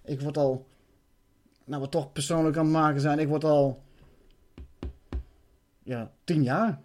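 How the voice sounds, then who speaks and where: A man's voice: a little high, steady tone, a little slow, a little mellow. A man recounting a personal spiritual experience in an intense way, swearing and restarting his sentences.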